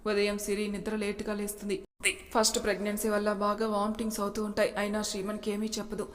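A woman storyteller narrating a serialized family drama in a steady, plain reading voice. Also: mid-range voice, fast, in a large hall, a little hiss or hum.

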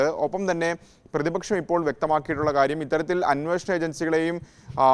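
A man in his thirties delivers a live news report on a lapel mic. His voice is smooth and resonant, sitting a little high for a man, and he explains things steadily, now and then restarting a word. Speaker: news correspondent.

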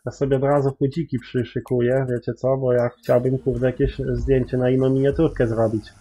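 A man's voice: mid-range voice, level tone, moderate pace, mellow, breathy edge, soft background music, low-quality recording. A man giving rambling, casual commentary while playing a farming game, full of mild swearing fillers. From Poland. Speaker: gaming YouTuber.

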